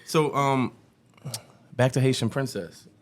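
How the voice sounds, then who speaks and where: A man hosting a casual interview, asking teasing, joking questions with lots of halting restarts. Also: mid-range voice. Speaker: podcast host.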